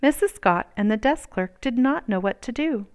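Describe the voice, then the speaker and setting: Reading aloud from a children's storybook, this woman tells the tale expressively and deliberately. Her voice is fairly high and clean in tone.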